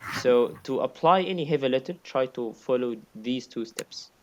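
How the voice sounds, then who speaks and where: A man's voice: medium pitch, normal speed. A man teaching recitation in a one-on-one lesson, patiently repeating his points and sounding out examples himself.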